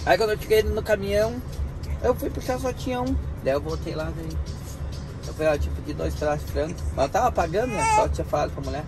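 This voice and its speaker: A man's voice: on the high side, animated, fast talker, over music. A man with a Gaúcho Brazilian accent, a truck driver chatting casually to his viewers from the cab. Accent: Gaúcho Brazilian Portuguese. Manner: chatty, folksy, addresses viewers as gurizada. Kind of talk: casual vlog chat to viewers. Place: inside a truck cab on the road. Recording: loud road and engine noise.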